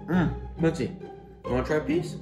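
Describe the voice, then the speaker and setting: A young man with a fairly high voice talks a little fast, his pitch swinging hugely as he playfully coaxes his dog in a mock-serious tone for a pet video. The camera sits across the counter in his home kitchen, which sounds roomy, and music plays in the background.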